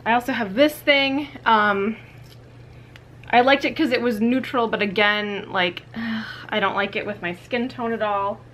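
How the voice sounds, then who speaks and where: Bright-voiced young woman chatting casually. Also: on the high side, fairly even intonation, a little slow, slight background noise. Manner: chatty, filler-heavy, candid. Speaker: vlogger. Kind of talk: casual closet clean-out vlog. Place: small walk-in closet, indoors. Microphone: camera on a tripod, a few feet away.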